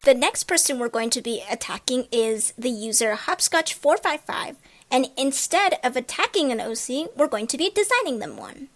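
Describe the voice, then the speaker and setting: High-voiced, chatty woman vlogger. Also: expressive, normal speed, soft background music. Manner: chatty, enthusiastic, talks straight to viewers. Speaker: artist vlogger. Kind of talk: casual vlog chat and voice-over narration.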